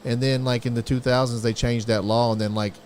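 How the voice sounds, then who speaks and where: American guy hosting a podcast, average pitch, just shooting the breeze. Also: level tone, fairly quick, a crowd in the background. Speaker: podcast host. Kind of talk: casual chat.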